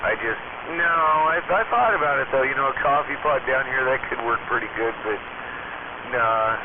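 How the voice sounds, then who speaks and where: A man's voice: medium pitch, normal speed. A man chatting casually in a rambling, folksy way as a radio hobbyist, with radio static. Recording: very noisy, staticky narrowband radio room audio.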